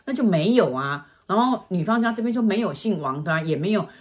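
A fortune teller with a medium-pitched voice speaks at a quick pace, telling a client's story in casual chat. She's animated, acting out scenes with sighs and gestures as she goes.

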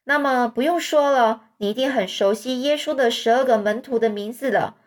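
A woman voicing a solemn older male judge who lectures a child slowly and patronizingly. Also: a little high, lightly acted.

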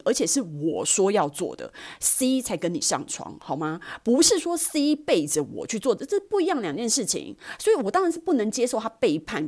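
A woman doing a pushy young woman in a retold film scene, high and insistent, swooping up and down as she lectures. She talks fast and keeps pressing her point. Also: darkish tone. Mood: indignant.

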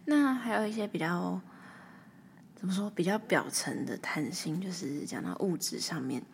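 A young woman from Taiwan with a Taiwanese Mandarin accent talks through a casual solo podcast in a fairly low voice. She rambles loosely and keeps letting her sentences fade into a breathy, almost whispered murmur. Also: expressive, normal speed, slight background noise. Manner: rambling, often trailing off into a breathy near-whisper. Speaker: podcast host.

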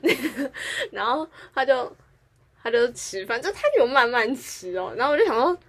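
A woman's voice: a little high, normal speed. A young woman, co-hosting a casual podcast and telling a story with lots of laughter. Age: young adult. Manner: animated, laughs often while telling a story. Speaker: podcast co-host.

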